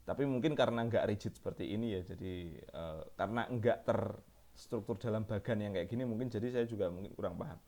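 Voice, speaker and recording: A man's voice: lowish voice, a little fast, a little mellow. A young man, giving a casual university lecture with loose, chatty explanations. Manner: loose, chatty explaining with frequent fillers and restarts.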